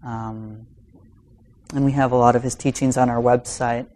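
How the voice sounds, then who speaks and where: A man teaching meditation in an informal dharma talk, speaking in a halting, reflective way with long pauses. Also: mid-range voice, little pitch movement, darkish tone. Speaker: meditation teacher giving a talk to a practice group.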